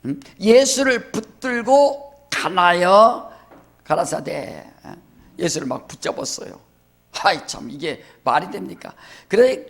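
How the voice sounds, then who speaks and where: A pastor delivers an animated sermon in a high voice that leaps up and down. His tone is gravelly, with a rough fry at the ends of phrases. He acts out the words of others and keeps turning to the congregation with questions. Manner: animated preaching, acts out quoted speech, asks the congregation questions.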